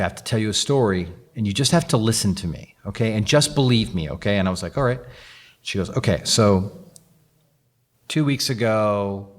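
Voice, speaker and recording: A man, a guest author, telling a story on a live podcast and acting out the quoted dialogue with animation. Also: sits low.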